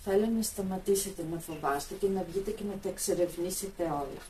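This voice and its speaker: A woman vlogger with a sore throat from a cold, speaking softly and coaxingly to timid animals in a garden, between casual narration. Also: fairly low pitch, a little hiss or hum, poor audio. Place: outdoors in a garden.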